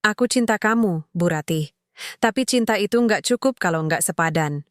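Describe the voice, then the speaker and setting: A humble young village grass-cutter speaks in a storybook tale, voiced by a woman narrator. He is quiet, earnest and self-effacing. His voice sits low and sounds dry and close. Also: lively intonation, moderate pace, dry recording, natural voice. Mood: tender.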